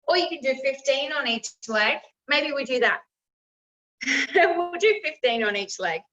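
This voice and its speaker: Female fitness instructor, high-pitched, encouraging, calling out exercise cues; roomy, distant recording. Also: animated, unhurried, bright, forceful tone. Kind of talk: live workout coaching with encouraging cues. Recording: roomy, distant mic, slightly dull.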